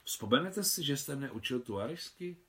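A man reading aloud and voicing a bold, cool-headed young Russian countess in an audiobook, in a lively, playful way. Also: mid-range voice, lightly acted.

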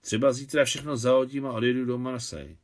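A man's voice: mid-range voice, steady tone, lightly acted. A man reading the lines of a proud, tense young woman in a novel, polite and pleading.

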